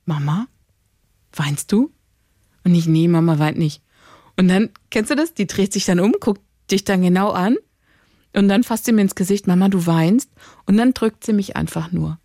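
A woman's voice: mid-range voice, normal speed, pauses often. A woman in her thirties talks casually, bringing her stories to life by acting out what her children said. Her voice sits in a middle range. She is recorded close up in a dry room with no echo. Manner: animated, acts out quotes of her children. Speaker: podcast co-host, mother. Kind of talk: casual chat, storytelling.

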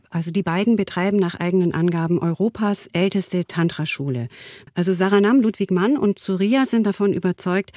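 Mellow-voiced female reporter narrating. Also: fairly low pitch, no room sound, clean studio sound. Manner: calm, informative narration. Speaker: radio reporter. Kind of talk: scripted reportage.

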